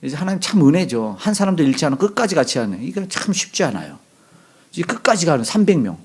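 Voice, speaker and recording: Lively, chatty male pastor preaching. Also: on the high side, quick pace, slightly rough. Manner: conversational, asks the congregation questions; acts out quoted lines with sudden loud bursts. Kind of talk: sermon.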